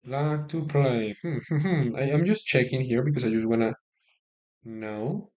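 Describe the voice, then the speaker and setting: A man giving informal live chess stream commentary, excitable and often repeating phrases for emphasis. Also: mid-range voice, normal speed.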